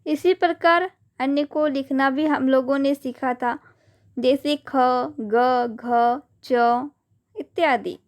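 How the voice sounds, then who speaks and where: A woman teaching a grammar lesson, spelling out words letter by letter in a slow, deliberate way. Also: high-pitched, fairly even intonation.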